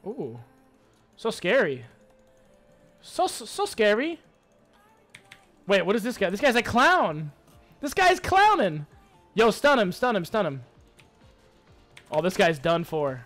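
A young man giving excitable, hyped commentary while playing a video game, swearing and taunting his enemies. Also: a little high. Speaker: gaming YouTuber. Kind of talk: live gameplay commentary.

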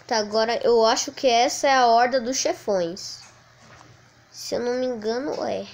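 A woman with a Brazilian Portuguese accent giving let's play commentary, excitedly yelling at the enemies on screen. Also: on the high side, moderate pace. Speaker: gaming channel host.

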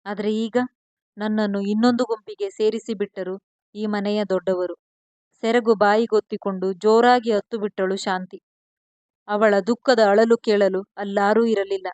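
A woman storyteller giving a measured, expressive scripted narration of a serial love story. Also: medium pitch, dry recording.

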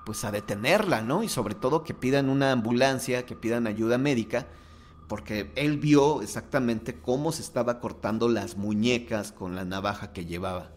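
A man's voice: mid-range voice, slight background noise. A man narrating a horror story in a casual, conversational way. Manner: casual, conversational, many fillers. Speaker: storyteller host.

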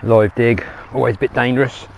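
A man's voice: medium pitch, steady tone, brisk, vocal fry, a little hiss or hum, rough recording. A British man chatting to viewers while metal detecting outdoors. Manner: chatty, addresses viewers as guys. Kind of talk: casual narration while digging outdoors. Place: open field outdoors.

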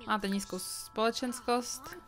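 A woman with a Czech accent giving casual let's play commentary, chatting to her game characters with sudden loud outbursts. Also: a little high, music in the background. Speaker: gaming streamer.

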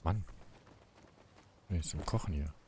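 A man's voice: a bass voice, measured pace, background noise. A man hosting a gaming video, musing aloud in casual, colloquial let's play commentary. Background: game sounds.

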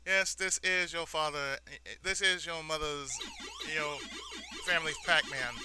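Over music and arcade-style game noise, a man with a slightly high voice talks a little slowly as he hosts a let's-play video. His commentary is casual and sentimental, wandering and circling back to the same phrases, and the recording is noisy with game sounds behind him.

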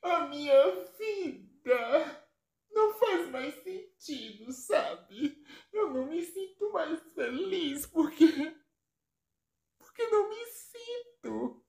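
A woman with a Brazilian accent voicing a fragile, despairing young woman with a soft, high, tearful voice. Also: measured pace, hardly any pauses.

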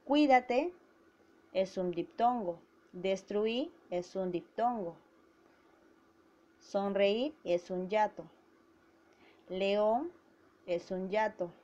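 A woman teacher giving a grammar lesson to schoolchildren, slowly spelling out syllables. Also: mid-range voice, mellow. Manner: slow and deliberate, spelling out syllables. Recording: dull lo-fi recording.

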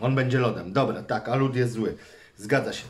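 A man's voice: medium pitch, normal speed, a little hiss or hum. A man, a father hosting a casual toy unboxing with his son, chatty and teasing, reading a comic aloud. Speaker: father and channel host.

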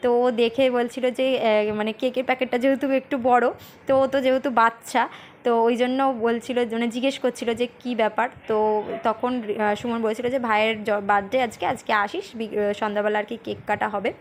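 A woman's voice: a little high, steady tone, fast. A woman in her thirties narrating a casual home vlog in a chatty, rambling way with many fillers. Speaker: vlogger. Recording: noisy home ambience.

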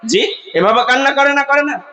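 A man's voice: very high-pitched, normal speed. A male preacher giving an impassioned sermon, asking the crowd questions and breaking into sung chanting of Arabic verses. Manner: impassioned, slips into sung chanting and shouted climaxes; asks the audience call-and-response questions.

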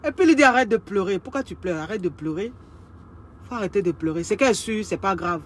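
A woman voicing a grown man who gently consoles his crying partner in a low, hushed tone. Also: lively intonation, rapid-fire, slight background noise, natural voice. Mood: soothing.

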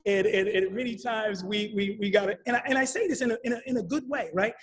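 A man moderating a panel, animated and emphatic, often repeating himself and asking "right?". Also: high-pitched, quick pace. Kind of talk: panel discussion.

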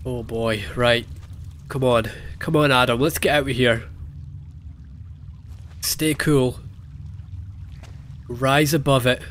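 A young Scottish man with a Scottish accent plays a video game as a let's play host, commenting casually and sarcastically with jokey asides and mock voices. His mid-range voice is fairly bright with fairly even intonation, and he takes it slowly, pausing often, over slight background noise.

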